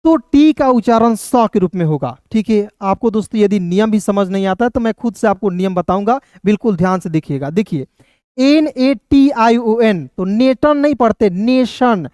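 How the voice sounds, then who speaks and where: A man's voice: high voice, lively intonation, normal speed, warm tone, smooth, no echo, clean studio sound. A man teaching in an online tutorial, asking his viewers questions again and again and spelling words out letter by letter. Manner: patient, drilling explanations. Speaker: English teacher.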